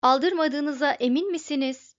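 Woman doing a gloomy monotone robot. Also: high-pitched, unhurried, no room sound, voice pushed up. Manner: flat, hopeless, sulky delivery. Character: gloomy depressed male robot, slow and monotone. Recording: dull, dry lo-fi recording.

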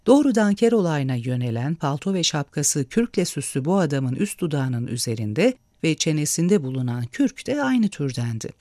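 A man reading a novel aloud in a measured, expressive narration. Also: on the high side, dry recording, studio quality. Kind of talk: storybook narration.

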